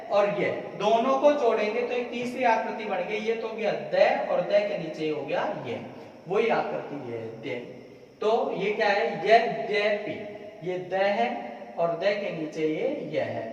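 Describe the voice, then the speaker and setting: High-voiced teacher in an echoey room. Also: male voice, distant mic, muffled recording. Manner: drills spellings by repeating words slowly, quizzing the class. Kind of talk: classroom lecture.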